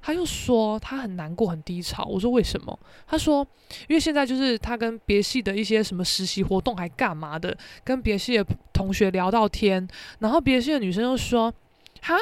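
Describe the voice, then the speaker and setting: A woman's voice: medium pitch, lively intonation, a little fast, no echo. A young woman with a Taiwanese Mandarin accent hosting a podcast, telling a story in a brash, blunt way and swearing freely. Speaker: podcast host. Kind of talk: casual storytelling rant.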